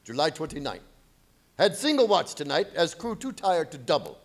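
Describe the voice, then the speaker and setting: An actor playing a fearful ship's captain in a radio play, reading out log entries in terse, dramatic fragments. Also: male voice, a little high, very animated, normal speed. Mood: grim. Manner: terse, telegraphic, dramatic delivery.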